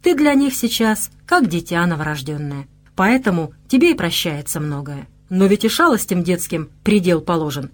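An old male bear, a Cossack chieftain, lectures in a stern and weighty way, as a woman narrator puts him on. He sounds sure of his wisdom and keeps his speech measured. The audiobook reading stays clear and plain. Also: on the low side, animated. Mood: instructive. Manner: instructive, grave.

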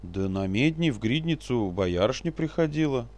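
A man doing a grey-haired old warrior in a storybook, unwilling and hesitant, picking his words with a slow, halting delivery. His voice rises and dips with lively intonation. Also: medium pitch, voice pushed up, close to an everyday voice. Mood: reluctant. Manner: hesitant, mumbling, reluctant.

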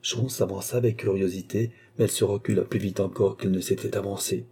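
A man narrating a classic novel in a measured, even reading. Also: on the low side, slightly rough. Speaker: audiobook narrator.

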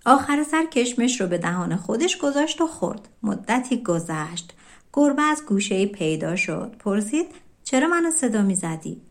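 A woman narrates a folk tale for an audiobook in a calm, easygoing storytelling voice. She reads in a relaxed, conversational way rather than a formal one, and her pitch sits in the middle of the female range.

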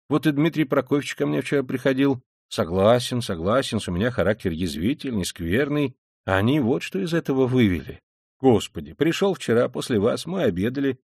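A man's voice: mid-range voice, gravelly, darkish tone, breathy edge, dry recording, clean studio sound, voice pushed up. A man reading an audiobook, voicing a fussy, cunning middle-aged male investigator who talks in an ingratiating, sly way. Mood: fussing. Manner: ingratiating, sly, with old-fashioned deferential endings.

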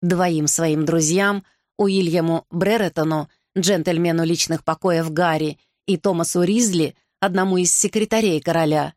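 A woman reading a historical novel aloud in an even, measured narration. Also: fairly low pitch, no echo, clean studio sound. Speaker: audiobook narrator. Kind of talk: scripted narration.

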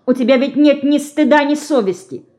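A woman's voice: high-pitched, moderate pace, mellow, voice pushed up, natural voice. A woman voicing an earnest, stubborn young girl who pleads and insists, in an audiobook. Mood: insistent. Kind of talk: audiobook character reading.

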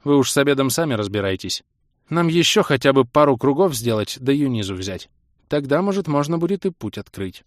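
A man's voice: medium pitch, big pitch swings, fairly quick, no room sound, clean studio sound, close to an everyday voice. A man voicing a caring, anxious young woman in an audiobook, talking urgently and practically. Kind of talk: audiobook character voice.

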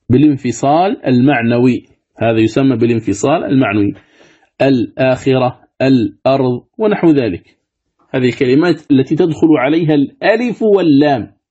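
A male sheikh gives a recitation class in a fairly high, mellow voice. He poses questions and answers them himself, and he draws words out slowly for his listeners to copy. The lecture recording sounds dull and lo-fi. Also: breathy edge. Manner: repeats words slowly to model pronunciation. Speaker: sheikh teaching Quran recitation. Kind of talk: classroom lesson commentary on a text.

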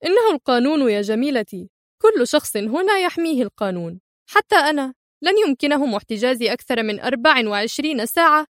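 A woman's voice: high voice, sing-song, quick pace, no room sound, clean studio sound. A woman reading the part of a thin male criminal who mocks and cackles with insolence. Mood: mocking. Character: sneering thin male criminal, mocking and nervous.

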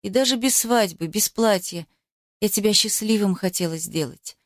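A woman's voice: mid-range voice, normal speed, dry recording, clean studio sound, lightly acted. A woman reading a novel aloud and voicing a distraught young bride in tearful, pleading outbursts. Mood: broken, quiet. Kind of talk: audiobook character voice.

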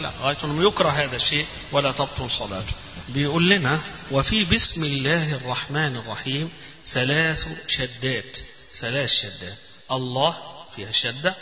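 A man's voice: mid-range voice, sharp tone, slight background noise. A man with an Egyptian Arabic accent, teaching a religious text. He reads passages aloud, explains them step by step, and demonstrates the correct recitation. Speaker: Islamic scholar teaching a fiqh text. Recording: echoey hall, dull lo-fi sound.

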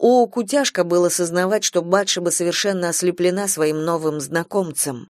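A woman narrating a classic story in scripted, measured storytelling. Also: fairly low pitch, a little mellow, no echo, studio quality.

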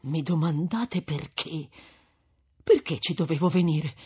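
Woman reading as a young peasant man, urgent and heated, breathy, audiobook drama. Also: sits low, lively intonation, a little slow, warm tone, exaggerated voice. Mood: urgent pleading. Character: young peasant man, desperate, pleading lover.

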